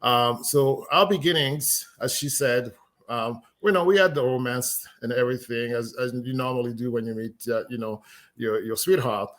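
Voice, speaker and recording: A man's voice: mid-range voice, normal speed, fairly bright tone. A middle-aged man from Ivory Coast and France, talking unhurriedly as a guest in a casual conversation, with many fillers.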